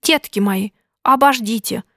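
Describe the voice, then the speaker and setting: A woman's voice: a little high, a little slow, pushed and bright, no echo, studio quality. A woman voicing a mother who soothes her hungry children. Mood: soothing. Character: kind mother promising her children pancakes.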